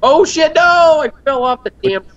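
A man's voice: very high-pitched, animated, moderate pace, dry recording, highs cut off. A young man in a casual gaming chat over a voice call, yelping whenever he crashes. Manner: yelps at his own crashes.

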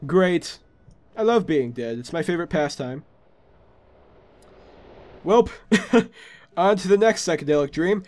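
A man's voice: high voice, lively intonation, unhurried, pauses often, darkish tone. A man giving casual gameplay commentary as a video host, exclaiming and talking to himself with playful sarcasm.

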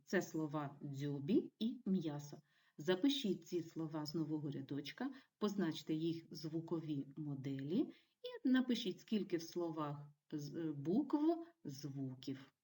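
Lively woman teacher, mellow voice. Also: low-pitched, recorded from a distance. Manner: clear, encouraging classroom delivery. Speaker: primary school teacher. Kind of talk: video lesson for children.

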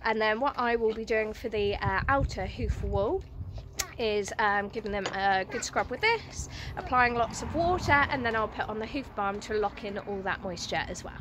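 A woman's voice: medium pitch, expressive, normal speed. A woman, hosting a casual product review vlog outdoors at a stable, filmed on a phone at arm's length, chatty with many ums. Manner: chatty, lots of ums and uhs. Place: outdoors at a stable yard and field. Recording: outdoor noise behind the voice.

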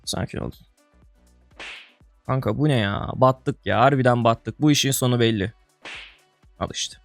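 A man's voice: medium pitch, unhurried, vocal fry, dry recording, soft background music. A young man giving casual commentary while playing an online game, exasperated and groaning, calling viewers brother and buddy. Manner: exasperated, groaning and swearing under breath. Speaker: gaming streamer.

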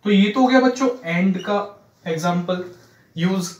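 A male teacher giving a classroom grammar lesson to children, often checking they follow and reading English examples slowly. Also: sits high, muffled recording. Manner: addresses children, frequent "ठीक है ना" checks, slow spelled-out English examples. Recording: echoey room.

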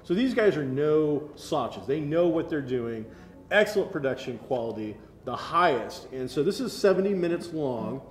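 With soft music in the background, a thirtysomething American co-host of a geek culture show speaks at an ordinary pace in a slightly high voice with lively intonation. He's seated at a table in a medium-sized indoor space, casually reviewing and eagerly explaining specifics amid roomy echo and faint noise.

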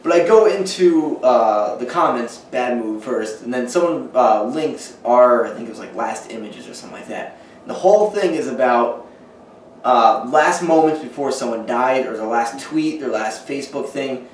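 A young man co-hosting a podcast, telling an unsettling story haltingly with many fillers in casual chat. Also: medium pitch, expressive. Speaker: podcast co-host. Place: dining room at night, around a table. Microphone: far camera. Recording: roomy, distant, faint hiss.

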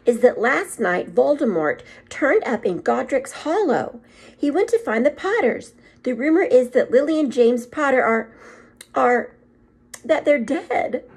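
A woman's voice: high voice, very animated, a little slow, a little mellow, slightly rough, voice pushed up, full character voice. A woman voicing a stern, exasperated older witch professor in a storybook, speaking emphatically and indignantly. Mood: urgent.

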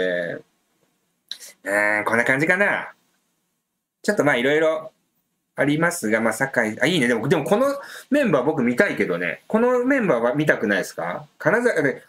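Chatty man with a lively pitch. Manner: chatty, muses aloud with many fillers, reads viewer comments. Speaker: livestream host previewing a soccer match. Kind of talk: casual live-stream chat.

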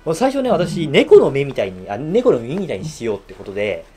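Lively, chatty Japanese man. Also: a little fast, a crowd in the background. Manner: chatty, laughs often, lively swings in pitch. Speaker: shoe-shine YouTuber reviewing his bespoke suit. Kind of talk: casual show-and-tell review.

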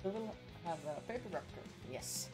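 Her voice is medium-pitched and expressive, moving at a moderate pace, as this young Finnish streamer banters casually and sarcastically in a Finnish accent. She swears a lot, and game music plays behind her.

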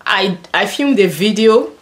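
A young vlogger with a Nigerian accent talks a little slowly at medium pitch, addressing the camera in a small bedroom. Chatty and expressive, she keeps saying "like" and "and stuff."

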